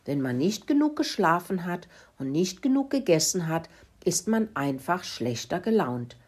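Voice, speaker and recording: Woman voicing a small thoughtful boy mouse, squeaky, storybook. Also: sing-song, normal speed, a little mellow, slightly rough.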